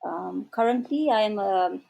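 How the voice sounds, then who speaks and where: A middle-aged woman from Fiji with an Indo-Fijian accent, speaking reflectively as an interview guest with hesitant pauses. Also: medium pitch, expressive, vocal fry, dark tone. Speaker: interview guest, doctoral researcher.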